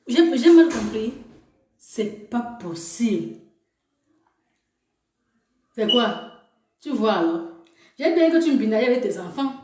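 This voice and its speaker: A woman's voice: a little high, dark tone, reverberant, slight background noise. A woman commenting on a clip in a teasing, scolding way, laughing in between. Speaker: video commentator. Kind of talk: mocking reaction commentary.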